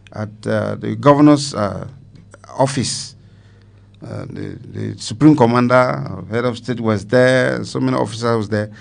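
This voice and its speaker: Recounting his memories for an interviewer, a retired army commander with a Cameroonian accent uses a creaky, medium-pitched voice. He is in his 70s or beyond and stresses points by repeating phrases.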